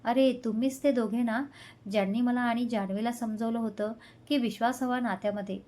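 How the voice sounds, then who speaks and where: A woman reading a calm loyal best friend. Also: fairly high pitch, fairly quick, close to an everyday voice. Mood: reassuring. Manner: calm, reassuring, teasing. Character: young man, easygoing loyal best friend.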